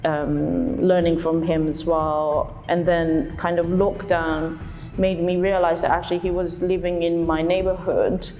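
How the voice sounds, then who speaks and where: A woman's voice: lowish voice, level tone, a little slow, a little mellow, big-room sound, soft background music. A young woman from Japan, a dancer telling her story in a hesitant, reflective way with many fillers. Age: young adult. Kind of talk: reflective interview talk.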